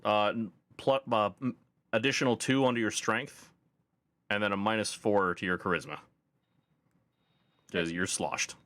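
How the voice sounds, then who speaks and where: Joking male game master, fairly low voice. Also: normal speed, pauses often, dry recording. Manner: joking, relaxed, stumbles over words. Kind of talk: casual game hosting.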